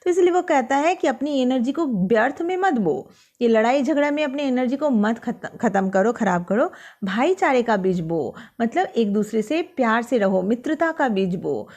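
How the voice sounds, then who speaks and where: A woman teacher explaining a poem to school students, reading its lines slowly and then explaining them in plain words. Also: fairly high pitch, expressive, a little mellow. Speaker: Hindi teacher.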